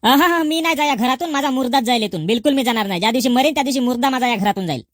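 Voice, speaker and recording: A woman's voice: high-pitched, expressive, rapid-fire, no room sound, studio quality. A woman playing a defiant young village daughter-in-law who snaps back at every jab. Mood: stubborn. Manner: argumentative, snapping back. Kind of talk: rural comedy skit.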